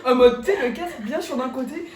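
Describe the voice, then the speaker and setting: A woman's voice: sits high, a little fast, distant mic, heavy background noise. A woman chatting casually over a meal, rambling through anecdotes with lots of fillers. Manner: rambling storytelling with many fillers. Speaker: vlogger's sister, co-host. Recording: echoey room, a bit off mic.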